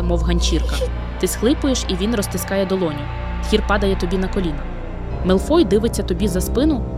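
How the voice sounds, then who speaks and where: A woman reading a second-person dramatic story aloud in an intimate, dramatic storytelling manner. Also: medium pitch. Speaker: narrator. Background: background music.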